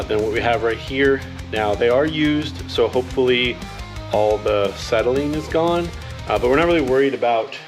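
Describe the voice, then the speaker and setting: A man giving casual how-to narration as he works, with a tongue-in-cheek, wry way of talking. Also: medium pitch. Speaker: host of a DIY motorcycle garage video.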